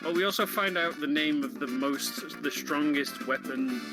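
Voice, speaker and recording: A man gives casual, explanatory live commentary on a video game, speaking informally like a speedrun commentator. His voice is fairly high in pitch at a moderate pace, with video game music in the background.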